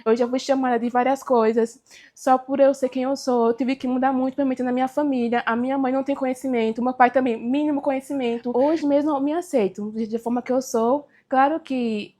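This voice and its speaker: A Brazilian teenage girl with a high voice speaks in a personal interview. She talks haltingly and with emotion, stopping and restarting her sentences. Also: fairly even intonation, mellow. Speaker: student interviewee.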